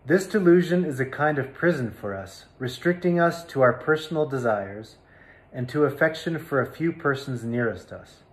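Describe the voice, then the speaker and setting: A man giving a reflective talk as a tea teacher, speaking slowly and thoughtfully, with pauses and fillers. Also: medium pitch, expressive.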